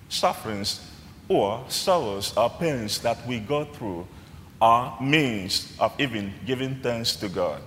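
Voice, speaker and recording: Male priest giving a slow sermon in a big church, cathedral echo hanging on every phrase. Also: medium pitch, fairly bright tone, a little hiss or hum. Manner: measured, phrase-by-phrase preaching. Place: large church. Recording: long church reverb, faint room ambience.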